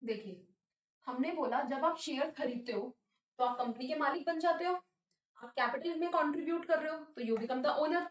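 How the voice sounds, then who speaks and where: A woman teaching a commerce lesson. She asks the class questions, answers them herself, and reads English definitions slowly. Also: high-pitched, slight background noise. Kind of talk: classroom lecture. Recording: echoey room, a little distant.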